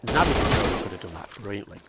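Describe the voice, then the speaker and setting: Chatty man over loud gunfire. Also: on the low side, animated, very fast, heavy background noise. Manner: chatty, explaining controls while playing, frequent fillers. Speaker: gaming video creator. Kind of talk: casual gameplay commentary. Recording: loud game gunfire behind the voice. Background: loud gunfire and game sounds.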